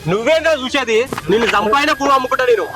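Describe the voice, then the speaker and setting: A man's voice: very high-pitched, racing, music in the background, rough recording. An actor playing an angry young son with a Telangana Telugu accent who threatens his father to sell the land. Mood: furious. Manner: aggressive, threatening. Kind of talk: village short film acting.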